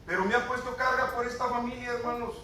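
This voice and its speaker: A man's voice: very high-pitched, fairly even intonation, fast talker, a crowd in the background. A man preaching an impassioned Pentecostal sermon, speaking straight to his congregation. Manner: impassioned, addresses congregation directly. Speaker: pastor. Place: church hall. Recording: echoey church recording from far off.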